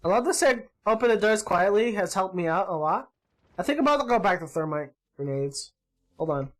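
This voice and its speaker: A man hosting his gaming channel, giving excitable gameplay commentary, yelping and groaning at the action and swapping in mild words for swearing. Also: sits high, brisk, soft background music. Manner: excitable, yelps and groans at the game.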